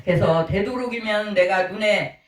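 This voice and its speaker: A woman's voice: medium pitch, normal speed. Woman preaching in an echoey church. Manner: conversational preaching with rhetorical questions and acted-out quotes. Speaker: pastor. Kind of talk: sermon. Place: small church sanctuary. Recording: echoey church hall, distant mic.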